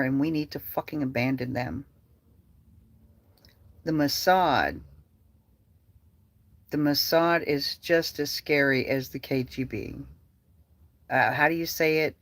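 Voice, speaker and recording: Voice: medium pitch, a bit bright, no echo. A vlogger delivering an angry political rant, heated, profane and repetitive.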